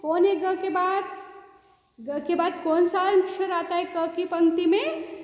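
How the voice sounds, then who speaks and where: A woman teaching small children their letters, drilling each one slowly in a sing-song voice and asking them to repeat. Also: very high voice, steady tone. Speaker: kindergarten teacher. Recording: echoey room with long reverb.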